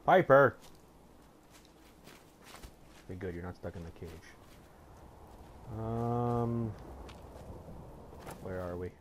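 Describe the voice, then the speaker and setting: A young man with a lowish voice talking over his game in loose, rambling commentary, swearing freely and muttering half-thoughts to himself. There is a faint hiss in the background. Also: slow pace. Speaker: let's play gamer. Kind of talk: casual gameplay commentary.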